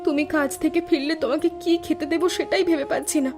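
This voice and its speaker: Woman playing a very high worried village wife. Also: steady tone, fast talker, natural voice. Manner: anxious, pleading. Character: poor fisherman's wife, worried mother. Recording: music underneath.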